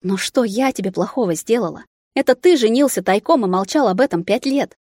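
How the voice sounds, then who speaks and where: A woman's voice: on the high side, lively intonation, fairly quick, darkish tone, no room sound, studio quality, voice pushed up. A woman reading an audiobook, voicing a dramatic, tearful middle-aged mother who exclaims in offense. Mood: plaintive, indignant. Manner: exclaiming, plaintive.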